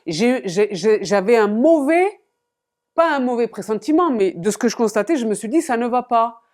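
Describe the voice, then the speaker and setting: With a slightly high, animated voice and a darkish timbre, this woman talks at a moderate pace. She's a fashion vlogger showing off coats she bought, addressing viewers directly in a theatrical, giggly way.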